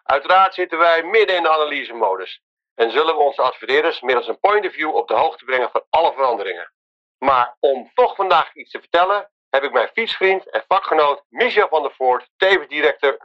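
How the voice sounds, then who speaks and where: A man's voice: fairly high pitch, animated, fairly quick, dull audio. A man leaving an upbeat, chatty voicemail for a colleague, played back from a phone. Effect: leaving a voicemail, heard played back.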